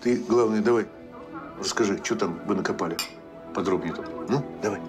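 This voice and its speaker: A man's voice: lowish voice, fairly quick, music in the background, natural voice. A middle-aged man playing an avuncular, jovial boss in a naturalistic screen drama. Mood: low, confiding.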